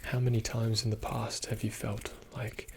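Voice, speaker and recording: A man giving a soothing, reassuring ASMR pep talk in a soft-spoken, often whispered voice, slow and deliberate. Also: on the low side, flat delivery, gravelly, slight background noise. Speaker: ASMR video host.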